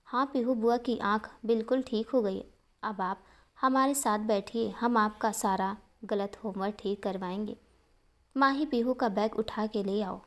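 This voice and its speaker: A gentle, caring young husband speaks softly and kindly, as a woman storyteller voices him. He coaxes and reassures, with no harshness in his tone. It comes across as a storybook figure. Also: medium pitch, measured pace, natural voice. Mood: gentle, coaxing. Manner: soft coaxing, speaking kindly to a child.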